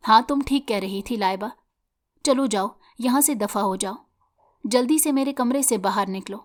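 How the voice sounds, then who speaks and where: A woman's voice: on the high side, lightly acted. A woman voicing an arrogant, teasing young man in a story reading. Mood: curt. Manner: mocking, then pleading.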